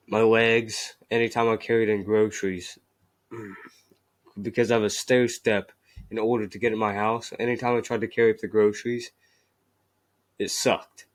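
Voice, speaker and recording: Low-voiced young man, deliberate monotone. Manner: deliberately monotone, halting with restarts. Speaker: vlogger. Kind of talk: casual self-improvement vlog.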